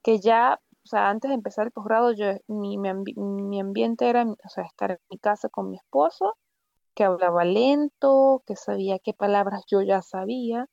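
A woman from Venezuela with a Venezuelan accent, chatting casually as a guest and telling stories with lively asides. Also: on the high side, gravelly, no room sound, highs cut off. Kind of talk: casual conversation.

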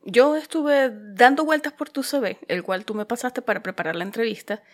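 A woman's voice: a little high, expressive, moderate pace. A woman hosting a podcast interview, talking in a friendly, chatty way with light jokes. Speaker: podcast host. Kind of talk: conversational interview.

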